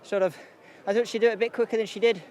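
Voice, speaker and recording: High-voiced, quick-talking male jockey. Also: steady tone, darkish tone. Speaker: jockey being interviewed. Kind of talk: casual post-race interview.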